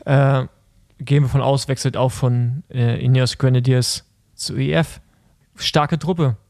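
A man's voice: medium pitch, steady tone, a little slow, creaky, a little mellow, no room sound. Casual chatty man, dry close sound. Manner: conversational, hesitant fillers, leads segments. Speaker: podcast co-host. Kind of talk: casual chat about cycling.

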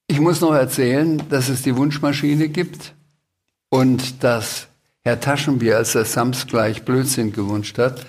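A man, an author, reading his own children's book aloud at a live literature festival, as a lively, chatty storyteller with asides to the listeners. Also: mid-range voice, unhurried.

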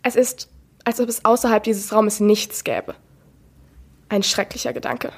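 A teenage girl reading a first-person novel excerpt aloud, measured with slow pauses. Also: a little high, steady tone, gravelly, husky. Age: teens. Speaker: student reader.

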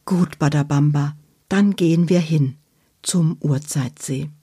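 A woman's voice: deep voice, measured pace, warm tone, slightly rough, dry recording, clean studio sound. A woman voicing a young girl who sounds hesitant and questioning yet brave. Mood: resolved.

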